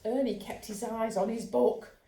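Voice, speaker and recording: A woman, a children's author, reading a bedtime story aloud in a lively, expressive way. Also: on the high side, moderate pace. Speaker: children's author and dog trainer. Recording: roomy echo.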